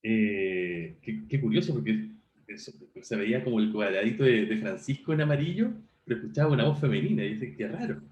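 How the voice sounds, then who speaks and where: A man's voice: on the low side, expressive, brisk. A male teacher giving an online class, asking his students questions and checking their understanding as he goes. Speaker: university teacher. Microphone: video call. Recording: roomy, dull lo-fi call audio.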